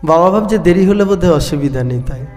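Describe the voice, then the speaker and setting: A man's voice: fairly high pitch, lively intonation, a little fast, darkish tone, big-room sound, faint music behind. A male scripture reader with a West Bengal accent, telling a devotional story with feeling and speaking directly to his listeners. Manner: emotive, addresses listeners directly.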